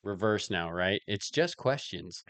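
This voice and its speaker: A man's voice: fairly low pitch, animated, unhurried, fairly bright tone, no echo. A man in casual podcast chat, relating his own experiences in a thoughtful way. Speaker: podcast co-host.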